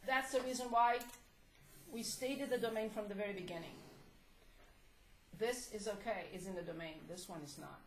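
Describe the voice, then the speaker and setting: A woman teaching a math class, hoarse and coughing, asking the class questions at a slow pace. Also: medium pitch. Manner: slow, deliberate, prompting questions. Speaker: math instructor. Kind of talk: classroom lecture. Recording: echoey classroom, faint noise.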